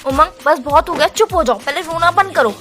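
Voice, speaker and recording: A young woman on a voice call, pleading with her partner and trying to calm him down. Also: sits high, brisk. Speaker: gamer chatting with her partner. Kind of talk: emotional voice-chat argument. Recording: music playing underneath.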